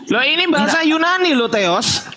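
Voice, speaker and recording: A man's voice: very high-pitched, expressive, moderate pace, loud music behind the voice. A man hosting a heated religious debate, mocking his opponent and repeating the same question over and over.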